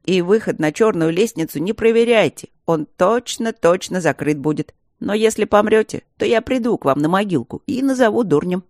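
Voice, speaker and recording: A narrator voicing a brisk, scolding middle-aged married nurse in an audiobook. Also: medium pitch, lively intonation, no room sound, clean studio sound, pitched above the performer's own voice, natural voice. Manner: loud, scolding, matter-of-fact. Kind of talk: audiobook character reading.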